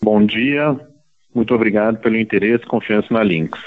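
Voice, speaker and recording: A man's voice: fairly low pitch, normal speed. A man with a Brazilian accent giving a prepared business presentation as a company chief executive. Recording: dull narrow teleconference sound.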